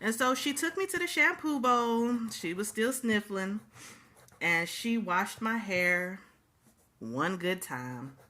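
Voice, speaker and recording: A woman's voice: medium pitch, animated, slow pace, pushed and bright. A woman vlogger telling a personal story straight to her viewers, casual and emphatic, repeating key phrases for effect. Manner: talks straight to the audience.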